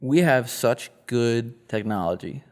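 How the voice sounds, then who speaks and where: A young man co-hosting a comedic podcast, playful and quick with jokes. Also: mid-range voice, lively intonation. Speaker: podcast co-host. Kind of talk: casual comedic banter. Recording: echoey room with long reverb.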